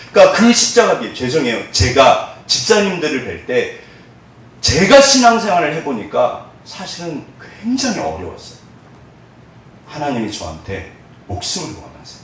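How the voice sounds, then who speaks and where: Male pastor preaching, higher voice, wildly swinging pitch, booming echoey hall, mic set back. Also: distant mic, a little hiss or hum. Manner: animated, acts out quoted voices of church members; drops to soft, hushed tones in prayerful moments. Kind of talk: sermon. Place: church sanctuary.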